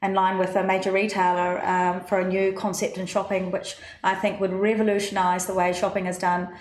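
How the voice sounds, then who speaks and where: A woman's voice: mid-range voice, flat delivery, brisk. Hesitant New woman guest. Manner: hesitant, many fillers. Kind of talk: studio interview. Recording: echoey studio, faint noise.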